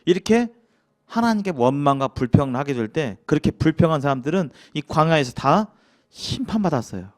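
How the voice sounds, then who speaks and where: A man's voice: a little high, a little fast. A man with a Jeolla accent teaching a casual church Bible lecture, asking the class questions and acting out grumbling quotes. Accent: Jeolla Korean. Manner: lively, acts out grumbling quotes, chuckles, asks the class questions.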